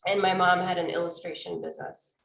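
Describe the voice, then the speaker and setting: Wisconsin woman, low voice, echoey room. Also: flat delivery, a little fast, a bit bright, a little hiss or hum. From Wisconsin, US Midwest. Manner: chatty, laughs easily. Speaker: podcast guest, entrepreneur. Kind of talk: casual interview chat.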